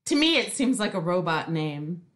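A woman chatting casually as a podcast co-host. She sounds playful and upbeat, and her voice moves around a lot in pitch. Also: big pitch swings, moderate pace. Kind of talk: casual chat.

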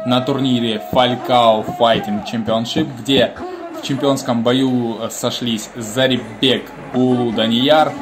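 A man's voice: mid-range voice, fairly even intonation, slow pace. A man giving live commentary on a combat sports bout as the lead commentator. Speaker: fight commentator. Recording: roomy echo, music behind.

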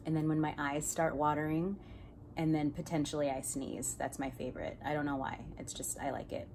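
A woman hosting a mukbang video, chatting playfully and joking between bites, sometimes dropping into soft whispery asides. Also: deep voice, flat delivery, brisk, background noise. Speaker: host. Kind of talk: casual mukbang chat while eating.

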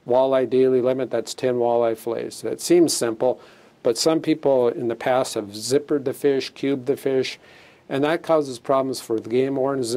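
A man's voice: mid-range voice, darkish tone. A middle-aged man, a fisheries chief explaining new rules in a plain, matter-of-fact way, with fillers and restarts, on a lapel mic in a studio. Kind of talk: studio interview, explaining regulations. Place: studio set, indoors.

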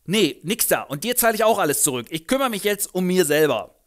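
Ein mann gibt einen sturen Berliner Ex-Knacki. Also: male voice, high voice, very animated, a little fast, a bit bright, pitched above the performer's own voice. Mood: trotzig. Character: gruff ex-convict Berliner, plain-spoken man.

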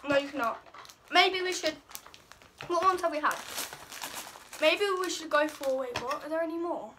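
High-pitched young woman. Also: moderate pace, a bit bright. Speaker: challenge video host. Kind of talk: casual chat with friends. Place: small room by a window. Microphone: camera a short distance away. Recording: noisy, crinkling packets and clicks.

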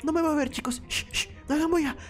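An extremely high-pitched woman commentates a video game for viewers. She speaks in exclamations and repeats short phrases with urgency. Music plays behind her voice. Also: fairly even intonation, fast talker. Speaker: gaming video host. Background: background music.

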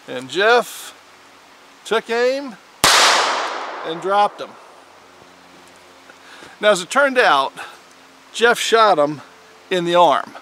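A man hosting a firearms video, telling an old frontier tale in a folksy, animated way. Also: a little high. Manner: animated storyteller, with dramatic shouted quotes. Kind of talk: folksy historical storytelling.

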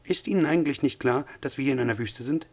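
A man voicing a smug, patronizing male company official with a husky voice. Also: medium pitch, fast, a little mellow, natural voice.

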